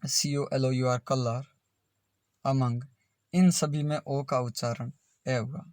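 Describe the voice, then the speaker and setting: A man's voice: mid-range voice, steady tone, takes it slowly, darkish tone, no echo, clean studio sound. A man teaching English pronunciation in a video lesson, spelling words out letter by letter and repeating them.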